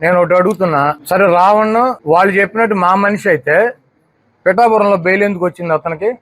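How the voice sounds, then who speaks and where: A man's voice: high voice, fast talker, a bit bright, no echo. A man giving a heated political press statement, firing off rhetorical questions one after another. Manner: combative, fires rhetorical questions. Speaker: political spokesperson at a press meet.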